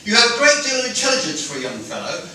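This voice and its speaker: A man playing a cold, controlling stepfather in a stage play, measured, condescending and menacingly polite, heard from far off in an echoey hall. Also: sits high, huge pitch swings, bright, forceful tone, slight background noise, exaggerated voice. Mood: cold menace.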